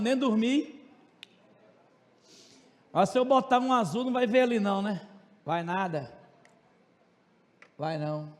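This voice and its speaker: A man with a Tocantins Brazilian accent gives a joking classroom lecture in a very high voice. He talks loud and fast and keeps throwing asides at his students. The sound carries a long classroom reverb. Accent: Brazilian Portuguese, Tocantins region. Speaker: teacher.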